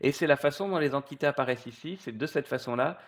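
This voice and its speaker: Man, middle pitch, unscripted software tutorial, hesitant, lots of fillers and restarts, computer mic. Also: fast. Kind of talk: unscripted screen-recorded tutorial.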